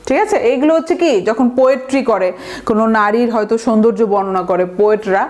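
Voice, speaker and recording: Woman, young adult, teacher, fairly high pitch, lecture style, slow deliberate example sentences. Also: darkish tone. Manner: explains step by step, asks and answers own questions. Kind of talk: vocabulary lecture.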